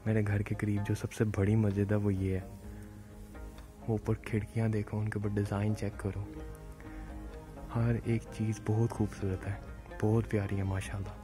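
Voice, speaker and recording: A man's voice: lowish voice, little pitch movement, moderate pace, pauses often. A man from Pakistan casually narrating a walking tour of a large mosque, slipping English phrases into his talk, speaking from behind a handheld camera. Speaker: vlogger. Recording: music playing behind.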